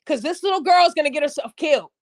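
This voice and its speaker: A woman's voice: high voice, expressive, rapid-fire, no echo, studio quality. A woman hosting a podcast, ranting bluntly and angrily with heavy profanity and emphatic stresses. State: upset. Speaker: podcast host. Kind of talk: angry opinion rant.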